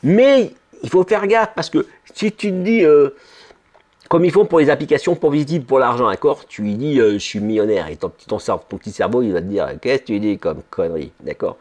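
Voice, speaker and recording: A man giving an informal motivational talk about his ice cream business, full of slang and constant "d'accord?" check-ins, acting out inner voices in low murmurs. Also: animated, brisk, a little mellow. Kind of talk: casual motivational talk to camera.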